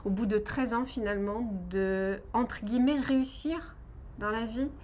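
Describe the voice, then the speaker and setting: A woman from Algeria, in her thirties, giving earnest personal testimony in an interview, pausing often with fillers and restarts. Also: on the high side, a little mellow, a little hiss or hum.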